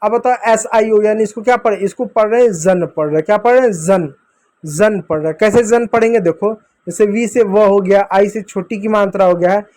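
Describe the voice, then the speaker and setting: A man's voice: high-pitched, a little fast, a little mellow. A man teaching English pronunciation to beginners, drilling each word step by step and answering his own questions. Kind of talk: explaining a phonics lesson to beginners.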